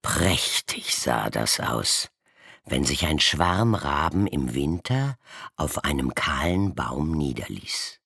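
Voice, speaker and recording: A man's voice: rumbling low, sing-song, slow pace, creaky, pushed and bright, breathy edge, no room sound, studio quality. A man reading a fable aloud as a storyteller, giving each animal its own voice.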